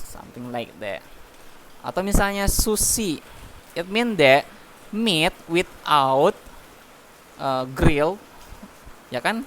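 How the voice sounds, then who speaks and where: A man's voice: on the high side, a bit bright. A man teaching an English class from home, explaining patiently with many fillers. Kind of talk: online English class, mixing Indonesian and English. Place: home, heavy rain outside. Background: rain noise.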